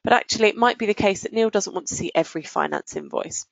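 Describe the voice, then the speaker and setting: Speaking at a medium pitch that swoops wildly, a woman with a gravelly voice explains a software demo in a conversational manner. She pauses and elongates words along the way, and the dry recording sounds dull and muffled.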